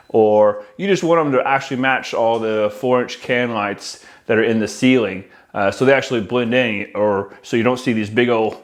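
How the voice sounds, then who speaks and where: A middle-aged American man with an ordinary male pitch speaks to the camera from a worktable in an indoor room with a decorated wall. An audio-video installer, he gives a casual, hands-on walkthrough of a piece of gear, explaining conversationally and addressing viewers as "guys."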